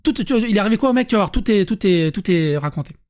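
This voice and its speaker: A streamer with a French accent reading an article aloud to viewers, breaking off for lively, sarcastic asides and restarts. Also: medium pitch, fast. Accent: French (France).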